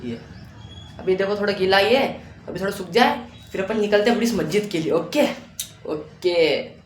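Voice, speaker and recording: A young man vlogging casually to his phone camera, chatty, sometimes dropping to a hushed voice. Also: sits high, moderate pace, rough recording. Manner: chatty, repeats a filler word, drops to a hushed voice near the mosque. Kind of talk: casual vlog chat to camera. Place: outdoors and at home, walking around.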